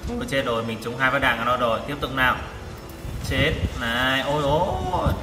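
This gaming vlogger speaks at a medium pitch with big swings and a brisk pace, calling out exclamations and short repeated phrases as he plays a tank game live. The mic sits far away in a room full of echo, and game music blares in the background.

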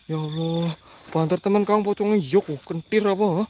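A man's voice: sits high, normal speed, dark tone, slight background noise. A man with a Banyumasan Javanese accent, live-streaming a ghost hunt in a graveyard at night, joking nervously and gasping out exclamations and prayers. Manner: jittery, joking, frequent gasped exclamations and prayers. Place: outdoors in an old graveyard at night.

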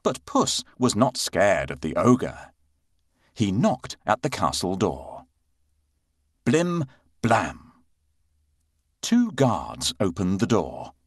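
A man narrating a bedtime story for children, slow and expressive, with playful sound effects. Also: low voice, breathy edge, no room sound, clean studio sound.

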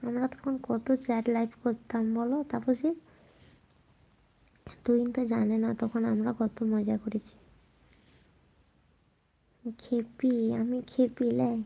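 A woman hosting a casual late-night live chat, talking softly and answering viewer comments as they come in. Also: fairly high pitch, little pitch movement, slow, vocal fry, pauses often. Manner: speaks softly so as not to wake sleeping family. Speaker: live stream host chatting with viewers.

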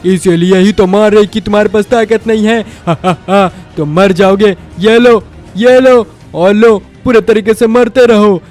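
A man's voice: high voice, fairly even intonation, moderate pace, darkish tone, faint music behind, close to an everyday voice. A man voicing a taunting Hulk henchman. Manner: taunting, gloating. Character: evil Hulk henchman, gloating bully. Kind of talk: game story voice acting.

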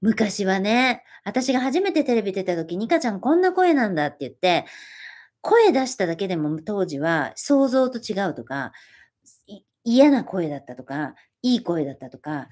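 A woman's voice: mid-range voice, sing-song, normal speed, darkish tone. A woman in her forties hosting a livestream, reading viewer comments aloud and answering them in a friendly, chatty, self-deprecating way. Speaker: livestream host. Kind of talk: casual livestream chat.

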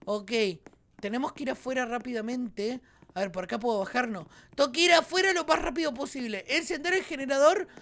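A man's voice: very high-pitched, brisk, a bit bright. A young man with a Rioplatense Argentine accent, commentating his gameplay for viewers and shrieking when startled. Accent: Rioplatense Argentine Spanish. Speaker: gaming YouTuber.

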